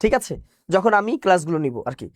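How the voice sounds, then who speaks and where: A man's voice: high-pitched, animated, fast, no room sound, studio quality. A male teacher giving an online exam-prep class, explaining point by point, repeating key phrases and answering his own questions.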